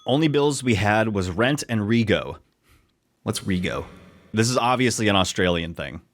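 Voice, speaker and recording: A man's voice: on the low side, lively intonation, normal speed. A man from New York, co-hosting a podcast and reading stories aloud in a joking, easygoing way that trips over words. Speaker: podcast co-host.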